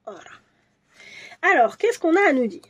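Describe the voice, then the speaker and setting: A woman doing a casual tarot reading for viewers, musing and hesitant, with many restarts and soft asides. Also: sits high, very animated, normal speed, slight background noise. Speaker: tarot reader.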